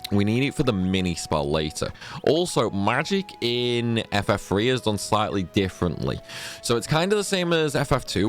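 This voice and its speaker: A man talking through a game walkthrough in a chatty, rambling way, often correcting himself, and fighting off a sneezing fit. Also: on the low side. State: sneezy, stuffy from a cold. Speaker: gaming guide creator. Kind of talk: casual game walkthrough commentary.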